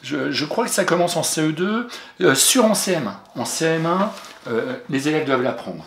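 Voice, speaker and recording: A man's voice: fairly high pitch, lively intonation, normal speed, creaky, fairly bright tone, a little hiss or hum. A man teaching a young child spelling, patient and encouraging, spelling words out letter by letter. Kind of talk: spelling lesson for a young pupil. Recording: roomy echo.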